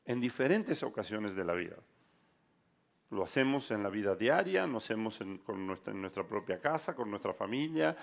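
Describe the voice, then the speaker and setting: A male pastor preaching a sermon, telling a story dramatically and shifting between soft and loud passages. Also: medium pitch, vocal fry.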